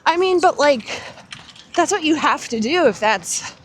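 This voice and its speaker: A high-pitched American woman talks casually while out running, animated as she recounts small stories. She is recorded outdoors with faint noise behind her. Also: a little slow. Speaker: host of a running chat. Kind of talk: casual chat. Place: outdoors on city streets.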